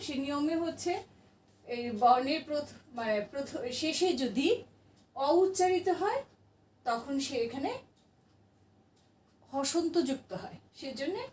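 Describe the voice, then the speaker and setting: A woman with a high voice teaches a grammar lesson, patiently asking her class questions and answering them herself. She sits back from the microphone in a roomy, echoing space. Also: distant mic, a little hiss or hum.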